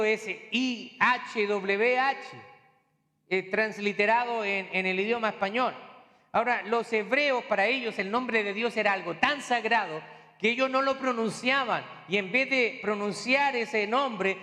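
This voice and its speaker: A man's voice: high-pitched, bright, forceful tone, in a large hall. A man preaching a sermon as pastor, explaining in a teaching tone with rhetorical questions and homely asides.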